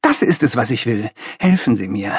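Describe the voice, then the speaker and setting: A man's voice: a little high, very animated, a little slow, breathy edge, dry recording, clean studio sound, pitched above the performer's own voice, exaggerated voice. A man playing a fiery idealistic young hothead. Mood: impassioned. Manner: impassioned, raised voice.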